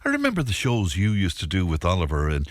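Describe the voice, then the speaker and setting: Lebhafter irischer Radiomoderator, tiefe Stimme. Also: male voice, wildly swooping pitch, fast talker, no room sound. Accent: Irish. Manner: chatty, laughs along, swoops in pitch. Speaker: radio host. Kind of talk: casual radio interview. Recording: dry studio sound.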